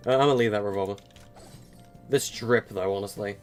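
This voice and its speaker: Over soft background music, an eighteen-year-old man streams a game live, speaking briskly in a lowish, darkish voice. He chats loosely and rambles as he answers viewers, filling his speech with frequent fillers and stutters.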